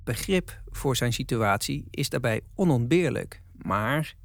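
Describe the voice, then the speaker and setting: Male narrator, measured scripted voice-over, dry booth sound. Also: medium pitch, lively intonation, creaky, dry recording.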